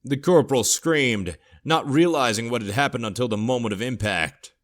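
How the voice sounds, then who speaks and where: A man narrating a scripted horror story in a steady, low storytelling voice. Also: normal speed.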